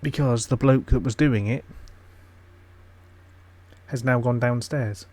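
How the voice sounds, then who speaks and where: Man, casual reaction commentary, skeptical, blunt, mid-pitched. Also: slow pace, darkish tone. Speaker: streamer reacting to a ghost-hunting show. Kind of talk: casual live-stream commentary.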